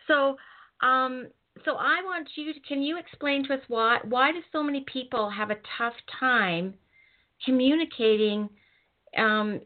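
A woman hosting an interview, introducing her guest warmly and effusively, with lots of ums and restarts. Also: on the high side. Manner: gushing, with many ums and restarts. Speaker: host. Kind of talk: casual interview chat. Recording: tinny phone-like line.

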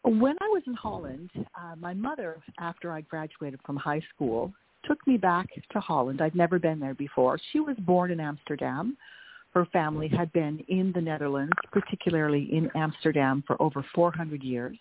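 A middle-aged author from Canada, interviewed by phone as a guest, recounts her family history, frequently repeating words while recalling details. Her low voice is animated at a normal speed, the line sounds tinny, and there's slight background noise.

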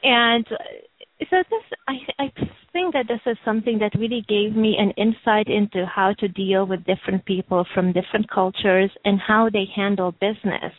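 A woman's voice: medium pitch, steady tone, moderate pace, no echo. A woman raised in Hungary and Romania answers interview questions in a friendly way. Her voice sits in a mid range. It is dry and thin, like a phone call. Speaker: guest.

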